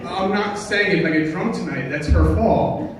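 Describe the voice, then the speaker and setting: A man giving an informal, humorous best man speech at a wedding, joking along in a halting way and often correcting himself. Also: high voice, crowd noise. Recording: distant, very echoey, noisy room recording.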